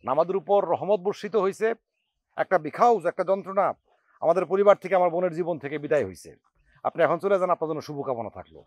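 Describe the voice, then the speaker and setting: A smug, mocking young brother-in-law. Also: male voice, high voice, animated, fast, dry recording. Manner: teasing, sarcastic. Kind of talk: TV drama acting.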